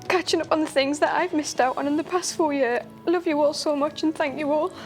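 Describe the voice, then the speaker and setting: A woman's voice: high-pitched, steady tone, brisk. A young woman, reading an earnest, emotional speech to her family. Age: young adult.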